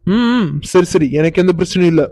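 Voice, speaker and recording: A woman voicing a teasing, cocky young village man in a cartoon, with an unhurried, mock-innocent manner. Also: on the low side, dark tone, no room sound, natural voice. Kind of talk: cartoon voice acting.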